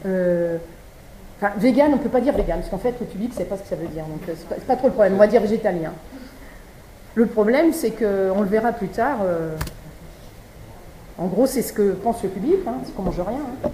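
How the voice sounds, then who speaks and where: A Breton woman presenting at a vegan conference sounds expressive and mellow, her medium-pitched voice running a little fast. The talk is chatty, packed with fillers and restarts, and recorded in an echoey room with faint background noise.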